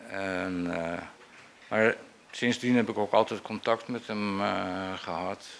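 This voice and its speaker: An older man, a portrait painter, telling memories in a halting, unscripted and reflective way. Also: low voice, steady tone, vocal fry, slight background noise. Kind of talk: unscripted speech recounting memories.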